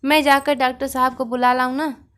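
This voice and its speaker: A woman's voice: high voice, level tone, a little fast, a bit bright. A woman voicing a worried young wife urging to fetch the doctor, in a read-aloud story. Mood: anxious.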